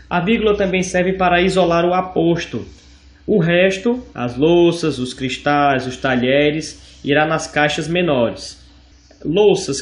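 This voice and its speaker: A man from Brazil gives a recorded grammar lesson in a slightly raised voice. He explains patiently, sprinkles in fillers and slows down to spell out his examples. The sound carries a noticeable room echo. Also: on the high side. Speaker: teacher.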